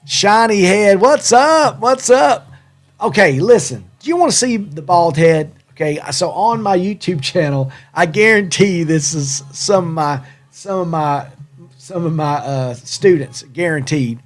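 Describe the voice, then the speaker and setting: This Tennessee man's voice sits high and sounds expressive, moving a little slowly. Speaking in a Southern American accent, the hat company owner hosts a livestream, chatting casually with viewers in a rambling, jokey, self-deprecating manner.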